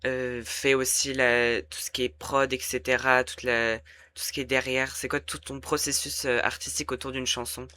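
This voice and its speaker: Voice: medium pitch, little pitch movement, moderate pace, pushed and bright, clean tone. An interview host asking questions casually, stumbling through fillers and rephrasings.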